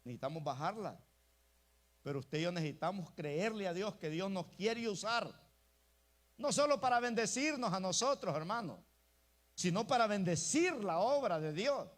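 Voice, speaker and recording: A man's voice: high-pitched, animated, moderate pace. A male pastor preaching an emphatic sermon, often calling out to the congregation as brothers. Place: church.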